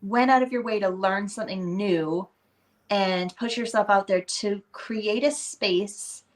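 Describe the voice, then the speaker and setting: A woman's voice: mid-range voice, unhurried. A woman co-host chatting in a reflective, talkative way, often saying "like.". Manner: chatty and reflective, with many "like" fillers. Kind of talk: casual conversation.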